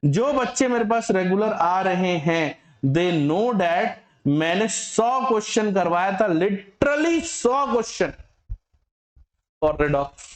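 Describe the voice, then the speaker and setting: A male chemistry teacher giving a lively lecture to a class, who asks questions, answers them himself and teases his students. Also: high-pitched, slow, reverberant.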